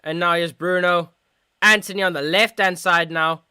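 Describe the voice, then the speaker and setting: A man hosting a live football watchalong in a fairly high, bright and crisp voice. He swings from shouted play-by-play to quiet, mumbled asides. The recording is dry and close, with no room sound. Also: fairly even intonation, normal speed, dry recording. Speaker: host of a football watchalong stream.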